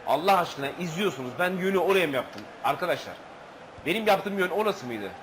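A man's voice: sits high, lively intonation, fairly quick, a bit bright, slight background noise, poor audio. A man commentating his own football video game match, swearing, groaning and slipping into mock play-by-play. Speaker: gaming channel host. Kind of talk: gameplay commentary.

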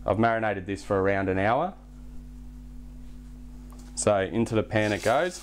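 A young man hosting a casual cooking demonstration in a home kitchen, relaxed and chatty, with self-deprecating asides. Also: lowish voice, measured pace, slight background noise. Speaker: cooking show host. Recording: background music under the voice. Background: music and pan sizzling.

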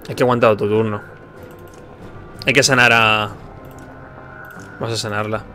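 A man with a Spanish accent from Spain giving casual gameplay commentary as a let's player, excitable with animated exclamations. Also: on the low side, normal speed, faint music behind. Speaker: let's play streamer.

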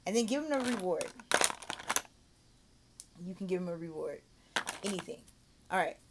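A woman giving a mock online English lesson, switching between explaining to teachers and an exaggerated, bright voice for a child student. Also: lowish voice, lively intonation, normal speed, noisy background.

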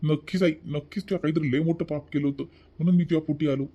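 A quick, slightly high-voiced cartoon son, voiced by a man, talking back to his mother in a broad Vidarbha accent. He is idle and cheeky, with a whiny, brash edge. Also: fairly even intonation, dark tone, lo-fi sound. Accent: Vidarbha Marathi. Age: 30s. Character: lazy, cheeky thirty-year-old son, back-talking. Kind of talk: cartoon voice acting.

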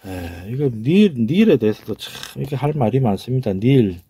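Animated husky man lecturing with a Gyeongsang accent. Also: mid-range voice, normal speed. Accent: Gyeongsang Korean. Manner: emphatic, repeats key words, sounds words out. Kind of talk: informal lecture.

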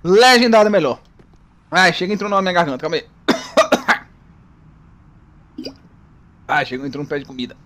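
A gaming YouTuber, giving lively live commentary while playing, yelping and teasing the enemy. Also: medium pitch, unhurried, long pauses. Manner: excitable, yelps and shouts at the game; talks to the enemy, playful teasing.

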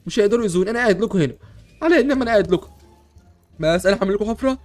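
A young man with an Egyptian accent, playing a superhero in a block-building game, talking loudly and frantically with constant exclamations. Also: high voice, animated, racing. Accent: Egyptian Arabic. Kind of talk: excitable role-play over gameplay.

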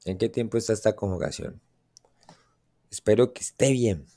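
A man's voice: on the low side, moderate pace, mellow. A man teaching a class, explaining grammar and constantly asking his students questions to check they follow. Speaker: English teacher. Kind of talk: classroom lesson.

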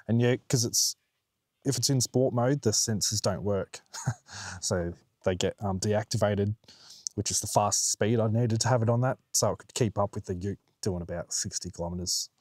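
A man's voice: on the low side, moderate pace, a little mellow, no room sound. A middle-aged man with an Australian accent, chatting casually for his outdoor vlog, laid-back, laughing often and swearing now and then. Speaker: vlogger. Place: outdoors by a quiet plantation road.

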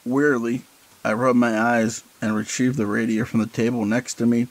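A man reading a horror story aloud as scripted narration, in a measured, deliberate way. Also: mid-range voice, level tone, a little hiss or hum, rough recording.

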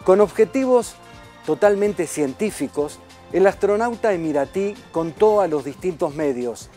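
A man reads news as a TV columnist, in a somewhat high-pitched voice. His delivery is measured and scripted, and faint music plays beneath him. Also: animated, warm tone. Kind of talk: news reading.

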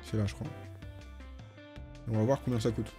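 A man's voice: fairly low pitch, brisk, faint music behind. A man streaming a video game, chatting casually and thinking aloud as he plays. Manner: relaxed, thinking aloud with fillers.

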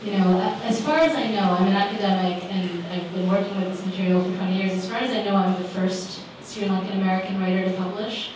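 A woman's voice: mid-range voice, steady tone, fast talker, few pauses. A woman author in her forties answering audience questions on a panel, thoughtful with many fillers. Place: living room with small audience. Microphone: handheld microphone. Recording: roomy sound from far camera, background noise.

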